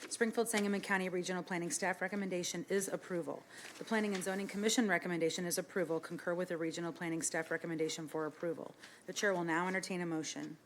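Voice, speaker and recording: A woman with a slightly low voice reads formal meeting business as the chair. Her delivery is brisk and businesslike, moving steadily through procedure. Some room noise sits behind her. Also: steady tone. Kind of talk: formal reading of agenda and procedure. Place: indoor council meeting room.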